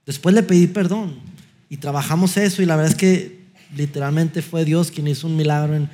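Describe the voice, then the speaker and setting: A middle-aged man with a Mexican accent, preaching a sermon as an animated storyteller who acts out dialogue with light self-mocking humor. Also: fairly high pitch, a little fast.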